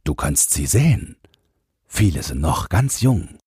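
A man voicing a kindly older man carrying a basket of rabbit feed, gentle and coaxing. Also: low-pitched, big pitch swings, unhurried, breathy edge, no echo, studio quality, heavily acted. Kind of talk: audiobook character voice.

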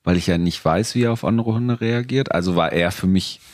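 A middle-aged man co-hosting a podcast in casual chat, animated, quick to protest and correct the story. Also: sits low. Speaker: podcast co-host, dog trainer.

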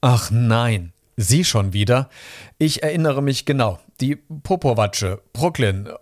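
A man's voice: medium pitch, big pitch swings, measured pace, no echo, studio quality. A man voicing an exasperated, incredulous woman registry office clerk. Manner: incredulous, sighing.

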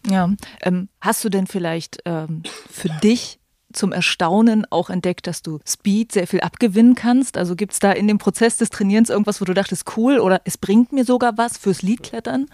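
A woman's voice: mid-range voice, moderate pace, dark tone, no room sound, clean studio sound. A woman interviewing an athlete in a friendly, chatty way, with hesitant fillers. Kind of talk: casual interview questions.

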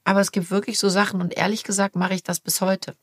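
A middle-aged woman hosting a podcast, chatting casually and telling animated stories. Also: medium pitch, quick pace, no echo, studio quality. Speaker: podcast host, mother. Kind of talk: casual chat.

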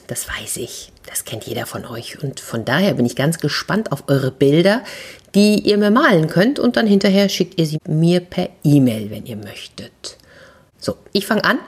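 A woman reads a fairy tale aloud for children and addresses them directly. Her voice sits low and slightly husky, and it swings widely in pitch as she tells the story. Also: a little mellow.

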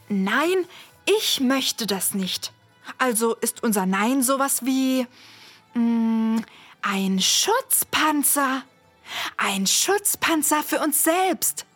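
A woman's voice: a little high, a bit bright, husky, heavily acted. A woman voicing a caring, curious heroine who reassures and thinks aloud in a children's audio drama.

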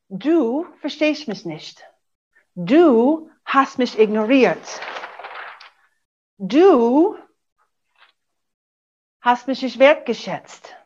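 High-voiced American woman coaching in German. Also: muffled recording. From USA. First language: English. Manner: animated, acts out sample dialogues. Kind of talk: webinar teaching.

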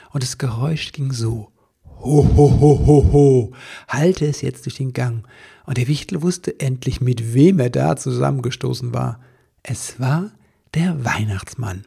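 A man narrating a children's Christmas story as a podcast host, in a calm, expressive reading. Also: mid-range voice, gravelly, slightly rough.

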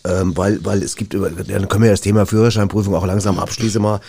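A man doing comedy banter, rambling and deadpan, often stammering over his words. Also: lowish voice, fast talker.

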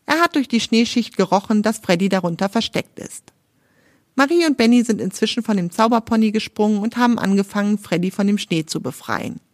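A woman's voice: medium pitch, animated, a little fast, no echo, studio quality. A woman from Germany, hosting a children's podcast, reading a story aloud and talking directly to the young listener in a friendly way.

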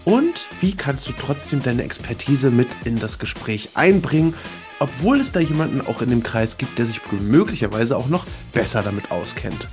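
A man's voice: medium pitch, very animated, normal speed, music in the background. A man with a congested, stuffed-up nose hosting an informal solo podcast, addressing listeners directly in an emphatic, coaching way with rhetorical questions. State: congested with a cold. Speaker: podcast host.

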